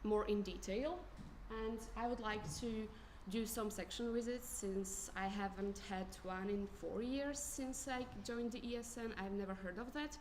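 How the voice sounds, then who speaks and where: A woman's voice: medium pitch, unhurried, hardly any pauses, darkish tone. A woman in her mid-twenties, raised in Croatia, speaks to an assembly as a candidate. Her speech is loose and casual, full of fillers and restarts, with a faint hiss behind it. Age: 20s. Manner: informal, many fillers and restarts.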